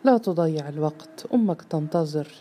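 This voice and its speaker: A woman voicing a harsh, grief-stricken middle-aged father who pleads and shouts in a storybook reading. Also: deep voice, animated, brisk, slight background noise. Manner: stern, pleading, bursting into shouts.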